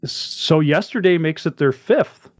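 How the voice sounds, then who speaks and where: A man's voice: fairly high pitch, expressive, a little slow, no room sound, muffled recording. A man co-hosting a casual football podcast, rambling and correcting himself as he talks through betting picks. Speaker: podcast co-host. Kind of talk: casual sports chat.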